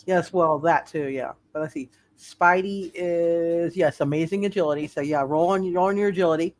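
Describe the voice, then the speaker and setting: Speaking at medium pitch, this game master leads a live superhero tabletop session, his delivery halting and full of repeated words and phrases.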